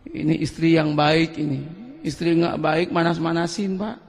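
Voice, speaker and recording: A man with a Javanese accent preaching a sermon, telling folksy stories in a lively way that bursts into shouts. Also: a little high, unhurried, vocal fry. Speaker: Islamic preacher. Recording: long hall reverb.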